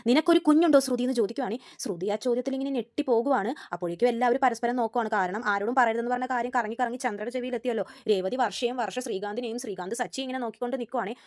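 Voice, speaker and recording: A woman's voice: fairly high pitch, racing, few pauses, no room sound, clean studio sound. A woman narrating a dramatic retelling of a TV serial episode in a breathless storytelling manner.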